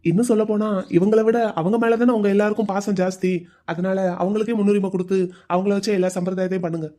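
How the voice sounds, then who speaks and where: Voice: medium pitch, fairly even intonation, fast, mellow, natural voice. A voice actor playing a curt, protective young husband in a cartoon story, speaking firmly. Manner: firm, curt.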